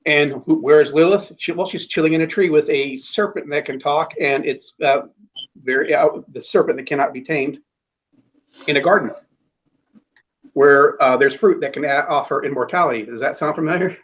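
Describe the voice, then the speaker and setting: Rambling man, slightly high voice. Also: moderate pace, a bit bright. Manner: rambling, many restarts and fillers; blunt, with casual swearing. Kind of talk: casual conversation. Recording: dull lo-fi audio.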